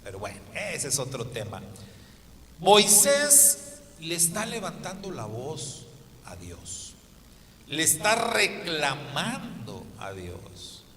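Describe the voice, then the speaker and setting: A man's voice: fairly high pitch, huge pitch swings, takes it slowly, pushed and bright. A man preaching a sermon, emphatic and asking the congregation rhetorical questions. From Mexico. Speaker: pastor. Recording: echoey hall with long reverb.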